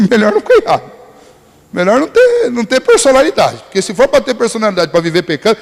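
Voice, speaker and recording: A man's voice: extremely high pitch, very animated, brisk, vocal fry, in a large hall. A male pastor with a Brazilian Portuguese accent, preaching a sermon in a conversational style full of rhetorical questions.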